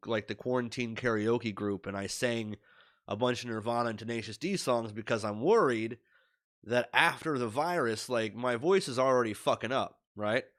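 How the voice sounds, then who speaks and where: A young streamer who is sick, with a stuffy nose and scratchy voice, rambles worriedly to his desk webcam in a casual video diary, using plenty of fillers. His voice is medium-pitched and fairly bright.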